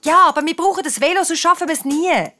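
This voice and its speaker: Eine Frau mit Schweizer Akzent spricht ein zweifelndes, widersprechendes Schulmädchen in einem Kinderhörbuch. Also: female voice, very high voice, fast, bright, forceful tone, pitched above the performer's own voice. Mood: sceptical. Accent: Swiss German. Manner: protesting, sceptical. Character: doubtful, stubborn schoolgirl friend.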